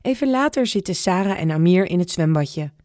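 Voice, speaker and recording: A woman reading a children's storybook aloud in a clear, even storytelling manner. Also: on the low side, brisk, no room sound, studio quality.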